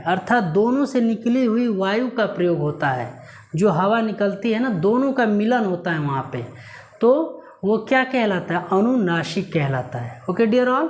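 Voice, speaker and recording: A male Hindi grammar teacher explaining a lesson to students. He asks questions, answers them himself, and repeats key words slowly. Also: high-pitched. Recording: echoey room with faint noise.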